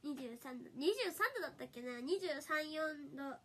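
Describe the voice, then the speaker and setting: Young female idol streamer, high bright pitch, stuffy cold voice, playful and giggly. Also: lively intonation, moderate pace, a little hiss or hum. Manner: giggly and playful, frequent laughter. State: nasal from a summer cold. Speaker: idol livestreamer. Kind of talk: casual livestream chat reading comments.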